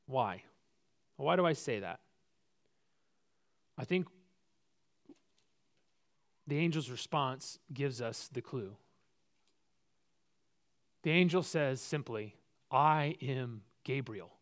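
A man's voice: mid-range voice, animated, slow pace, long pauses. A man preaching a sermon in a conversational way, posing rhetorical questions and often restarting his words. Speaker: pastor.

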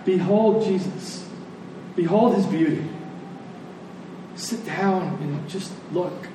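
A man with a high-set voice preaches slowly and earnestly at a church service, repeating phrases for emphasis before closing in prayer. The recording sounds distant, with echo from the large room and faint noise.

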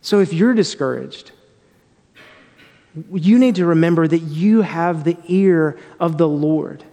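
A man's voice: fairly high pitch, takes it slowly, warm tone, in a large hall. A man giving an earnest, reflective devotional Bible teaching, often restarting his phrases.

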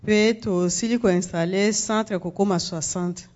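A woman from Congo, a guest speaking in measured phrases and pausing for an interpreter in a church. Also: medium pitch, steady tone, darkish tone, dull audio. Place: church sanctuary.

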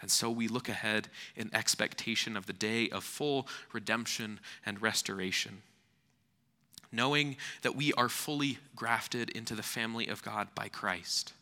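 A man preaching a sermon in an earnest, rhetorical manner, with deliberate pauses and repeated phrases for emphasis. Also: lowish voice, pushed and bright. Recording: reverberant hall.

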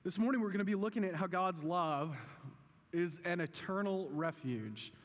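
A man, perhaps thirties or forties, preaching as a pastor in a conversational teaching style, with measured, deliberate phrasing and questions to his listeners. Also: high voice. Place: large reverberant room, preaching live. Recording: long reverb of a hall.

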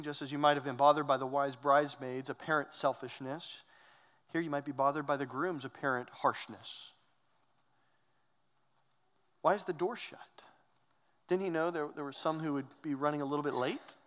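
A man's voice: on the high side, steady tone, brisk, a bit bright, big-room sound. A man preaching a sermon, earnest and emphatic, asking rhetorical questions. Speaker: pastor.

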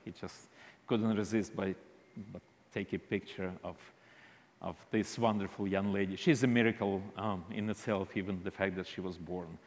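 A man with an Eastern European accent giving a halting, deliberate church testimony as a visiting minister. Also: deep voice, fairly even intonation. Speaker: visiting minister speaking to a congregation. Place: large indoor church hall. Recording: reverberant hall.

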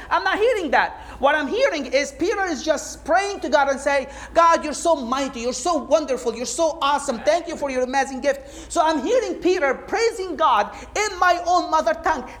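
A high-voiced Bible teacher from Egypt, whose first language is Arabic, preaches emphatically. Her sermon-like teaching is animated and full of rhetorical questions.

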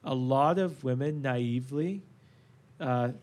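A man's voice: medium pitch, slow pace, darkish tone. A man hosting a podcast, speaking earnestly about faith and relationships, with many fillers and restarts. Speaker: podcast host. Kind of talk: casual faith discussion.

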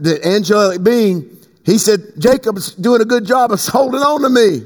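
A man preaching a fervent sermon as pastor, swinging from booming shouts to hushed asides. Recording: long hall reverb.

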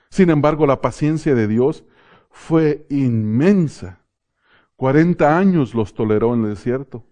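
Middle-aged man, pastor; mellow voice, conversational preaching with laughs. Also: medium pitch. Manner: addresses the congregation as brothers, tells personal stories with laughter. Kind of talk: sermon.

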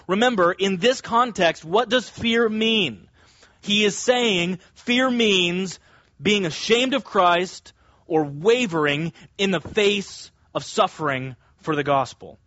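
A man delivers an expository sermon in a fairly high voice, stressing key words deliberately. The recording is dry and a little dull. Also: a bit bright, dry recording. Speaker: preacher. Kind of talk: expository sermon, teaching verse by verse.

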